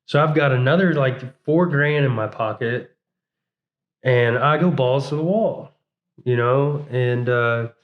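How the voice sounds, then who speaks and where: A man's voice: medium pitch, a little slow, narrow, tinny audio. A man in his thirties, a podcast guest, casually telling his story with lots of fillers and acted-out quotes. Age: 30s. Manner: rambling, fillers like "you know what I'm saying"; acts out his own past words in a raised voice.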